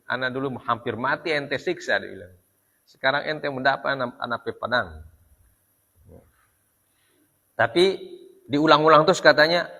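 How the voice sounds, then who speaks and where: Preacher in an echoey hall. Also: male voice, medium pitch, pushed and bright. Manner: reads Arabic text slowly, then retells in Indonesian with frequent "ya". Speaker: religious teacher. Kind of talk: Islamic study lecture. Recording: long hall reverb.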